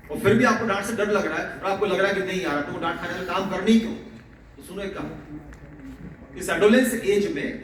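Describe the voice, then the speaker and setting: A male teacher giving a motivational talk to students in a fatherly way, laughing often. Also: high voice. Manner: fatherly, calls listeners "beta", often laughing. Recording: very echoey, distant mic, faint noise.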